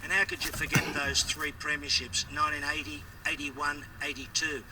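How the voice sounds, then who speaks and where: A man's voice: level tone, moderate pace. A man with an Australian accent asking direct, pointed questions as an interviewer. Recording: distant mic, clear background noise, vehicle rumble.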